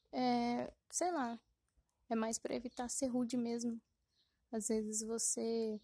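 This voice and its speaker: A woman with a fairly high, mellow voice hosts a laid-back solo podcast, recorded dry. She rambles and self-corrects with plenty of fillers, often laughing at herself self-deprecatingly.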